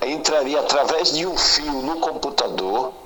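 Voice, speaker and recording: A man's voice: on the high side, expressive, moderate pace, bright, forceful tone. A man calling in by phone, heard over a speakerphone, patiently explaining something with everyday comparisons. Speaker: radio guest on the phone. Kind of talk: explaining by phone in casual conversation.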